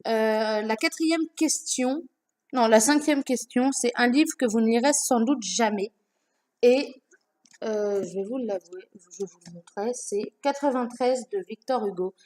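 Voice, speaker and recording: A young adult book vlogger with a fairly high, darkish voice takes her time as she talks to camera about her books. She's at home, speaking casually and often filling gaps or correcting herself.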